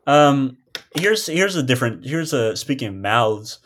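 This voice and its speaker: A young man with a slight lisp tells stories in a loose, rambling way, full of little restarts. His voice sits at a typical male pitch. He sounds relaxed, like a co-host chatting among friends. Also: measured pace. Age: 20s. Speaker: podcast co-host. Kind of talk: casual chat.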